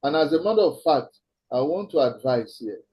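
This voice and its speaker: A man with a Nigerian accent hosting an online health talk, giving earnest advice with many pauses and repeated warnings. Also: on the high side, lively intonation, dark tone, breathy edge, rough recording.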